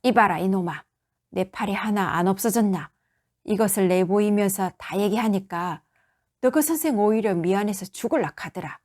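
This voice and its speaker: A woman voicing a loud, drunk one-armed middle-aged father who scolds in a Gyeongsang accent. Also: medium pitch, normal speed, close to an everyday voice. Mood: drunken scolding. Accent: Gyeongsang dialect. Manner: shouting, slurred scolding.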